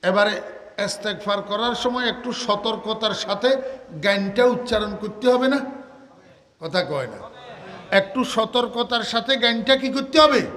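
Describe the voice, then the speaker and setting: Older man, Bangladeshi Bengali accent, waz preacher, high voice, quizzes the crowd, long hall reverb. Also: a bit bright. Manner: asks the crowd questions and answers them himself; draws out Arabic words slowly, half sung. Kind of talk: waz sermon.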